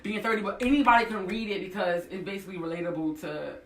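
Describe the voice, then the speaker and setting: Fast-talking woman in her thirties. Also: medium pitch, fairly even intonation, fairly bright tone, roomy sound, far from the mic. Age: 30s. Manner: fast, emphatic, laughs often. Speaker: radio guest, blogger. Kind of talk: casual radio talk.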